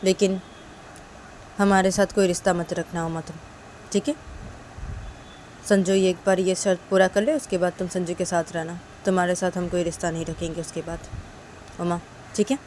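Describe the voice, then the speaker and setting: A woman voicing a middle-aged father who lays down terms in a measured way. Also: fairly low pitch, fairly even intonation, a little mellow, slight background noise, voice pushed down, close to an everyday voice. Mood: stern calm. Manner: measured, instructing.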